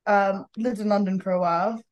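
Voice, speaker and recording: A woman's voice: mid-range voice, fairly even intonation, a little fast, highs cut off. A woman co-hosting a casual podcast, telling a story with lots of "like" and bursts of laughter. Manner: chatty storytelling, heavy use of "like", frequent laughter. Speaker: podcast co-host. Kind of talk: casual chat.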